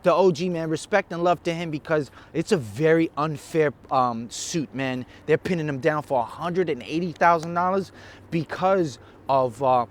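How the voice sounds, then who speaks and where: A man's voice: a little high, normal speed. A man co-hosting a casual chat, speaking in a laid-back, slangy, rambling way. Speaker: podcast co-host.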